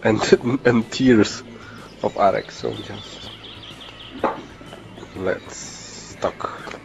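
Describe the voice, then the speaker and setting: A man's voice: fairly low pitch, sing-song, gravelly, over music. A man with a Polish accent hosting a podcast in casual chat, teasing his co-host and often restarting his sentences. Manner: teasing, halting, restarts a lot.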